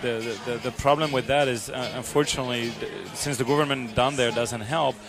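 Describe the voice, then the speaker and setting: A man with a French accent talks earnestly as a guest on an interview show, his sentences full of ums and restarts. His pitch sits mid-range for a man. Music plays clearly behind him throughout. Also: steady tone, fairly quick. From south of France. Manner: earnest, many fillers and restarts. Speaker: guest, charity supporter and restaurant owner. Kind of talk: conversational interview. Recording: music playing underneath.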